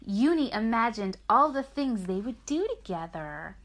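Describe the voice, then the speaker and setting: Higher-voiced woman narrating a children's sleep story. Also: sing-song, measured pace, fairly bright tone. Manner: simple explanations and encouragement for a young child. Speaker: mother reading a picture book aloud, host. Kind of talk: gentle sleep story narration and chat with her small child.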